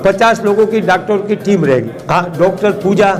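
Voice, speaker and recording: A man's voice: high voice, animated, moderate pace, a crowd in the background. A middle-aged man from Gujarat, answering questions at a press conference in a humble, devout way. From Gujarat, India. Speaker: charitable trust representative.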